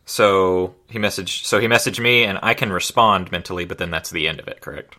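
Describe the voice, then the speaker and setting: A man playing a tabletop game, chatting and joking with the table in an animated way. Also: low voice, brisk. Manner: animated, joking, laughs often. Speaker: player. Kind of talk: casual tabletop game chat.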